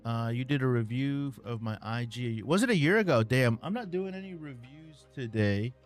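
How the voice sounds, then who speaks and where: A man hosting a casual live stream, answering viewer questions in a relaxed way with many ums and uhs. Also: mid-range voice, moderate pace, soft background music.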